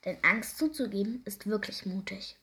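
A woman reading a children's story aloud, gentle and expressive, sometimes dropping to a soft whisper. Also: medium pitch, moderate pace.

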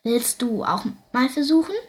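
A woman's voice: fairly high pitch, lively intonation, normal speed, lightly acted. A woman voicing a boastful older brother who teases and mocks his sister in a storybook reading. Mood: condescending. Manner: teasing, mocking.

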